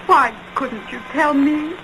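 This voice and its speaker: High-voiced lovelorn woman, early talkie film. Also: a little hiss or hum, full character voice, poor audio. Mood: hurt, pleading. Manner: halting, pleading, drawn-out delivery. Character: lovelorn, anguished woman in a romantic film drama. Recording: 1920s film soundtrack with loud music.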